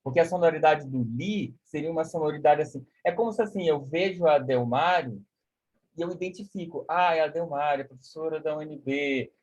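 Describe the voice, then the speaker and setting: A man's voice: fairly high pitch, brisk, darkish tone, husky. A man giving a live online music lesson, explaining concepts with many "né?" and singing solfège syllables. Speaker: music teacher. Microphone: video call.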